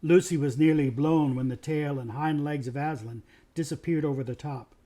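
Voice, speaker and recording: Pastor reading a storybook aloud. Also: male voice, fairly high pitch, normal speed. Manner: expressive, varying voices for characters.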